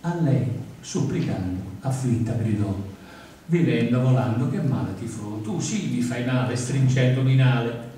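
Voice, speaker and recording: An older man recites poems at a panel table, pausing for emphasis and slipping into hesitant chatty asides. His voice is mellow and mid-pitched. It is picked up from far across a very echoey lecture hall with a faint hiss. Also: lively intonation. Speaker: poet reading at a book event. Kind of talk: poetry reading with asides. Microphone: far camera.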